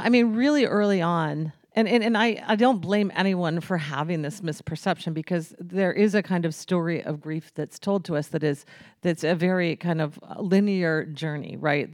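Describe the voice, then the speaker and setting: A woman's voice: low voice, darkish tone, no room sound, clean studio sound. A woman author speaking earnestly and thoughtfully in a conversational interview.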